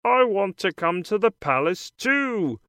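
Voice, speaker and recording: A small, ugly storybook frog pleads earnestly to be let in, voiced by the narrator. His lines sit somewhat higher than the reader's normal voice, with lively rises. The recording is close and dry. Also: measured pace, no echo. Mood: pleading.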